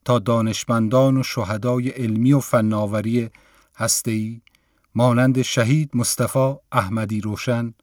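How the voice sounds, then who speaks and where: A man narrating a textbook lesson story in a measured, careful reading voice. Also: mid-range voice, steady tone, darkish tone, no room sound, studio quality.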